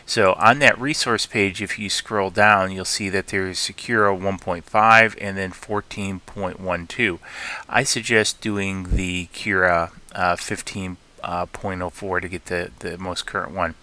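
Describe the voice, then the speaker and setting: A man hosting his channel, talking through a screen-recorded software tutorial with many fillers and restarts. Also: low voice, steady tone, unhurried. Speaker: channel host.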